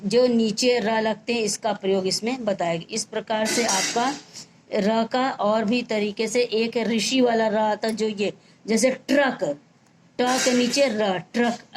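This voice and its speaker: A woman's voice: fairly high pitch, background noise. A woman teaching a school grammar lesson, spelling out each word sound by sound. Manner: slow, spells out words letter by letter.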